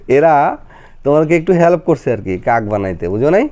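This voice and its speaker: A woman's voice: low voice, lively intonation, a little slow, mellow. A woman, teaching a child a lesson in a patient, coaxing, step-by-step way. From Bangladesh.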